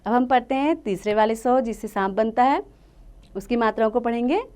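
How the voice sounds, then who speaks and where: A woman teaching a children's lesson, reciting syllables one by one in a slow, drawn-out way. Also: a little high, warm tone.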